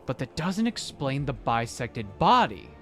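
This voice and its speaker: Man, game streamer, lively mid-pitched voice, excitable, casual commentary, music behind. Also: unhurried. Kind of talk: casual gameplay commentary, reading game text aloud.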